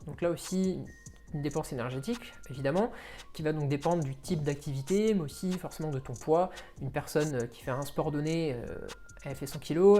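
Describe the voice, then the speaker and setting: A man's voice: fairly high pitch, a little mellow. A man, a fitness coach, explaining things in an informal way, talking straight to the viewer while he walks. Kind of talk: casual explainer video.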